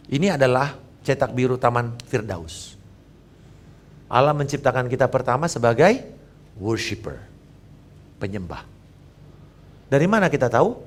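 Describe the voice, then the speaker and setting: A man in his fifties, a pastor preaching a sermon in a lively way and joking with the congregation. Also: medium pitch.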